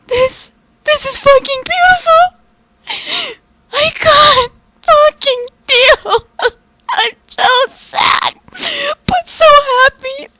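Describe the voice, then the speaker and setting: High-voiced young woman crying over a game. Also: extremely slow, pauses often, sharp tone, no room sound. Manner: emotional, swearing, laughing through tears. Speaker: gamer playing a dating sim. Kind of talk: reading a visual novel aloud and reacting. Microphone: desk mic, no webcam. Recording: music playing behind.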